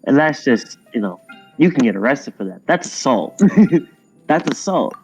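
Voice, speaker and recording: A man telling a long work story on a game stream, rambling and animated, acting out his coworkers' lines. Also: medium pitch, measured pace, soft background music, low-quality recording. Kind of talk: casual storytelling chat while gaming.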